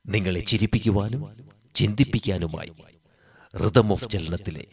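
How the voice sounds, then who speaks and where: A man reading scripted credits as the announcer in a formal, measured way. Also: deep voice, a bit bright.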